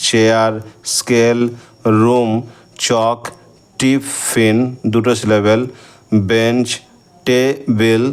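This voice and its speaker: A man with a Bengali accent teaching English grammar to schoolchildren, slowly spelling out words letter by letter and counting their syllables. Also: medium pitch, clean tone. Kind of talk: recorded lesson for schoolchildren.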